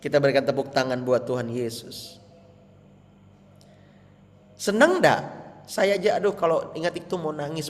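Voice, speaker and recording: Male pastor, sermon delivery, middle pitch, big soft-to-loud swings, reverberant hall. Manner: preaching with sweeping swings between soft, low asides and loud, high exhortations. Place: church hall, over an online meeting.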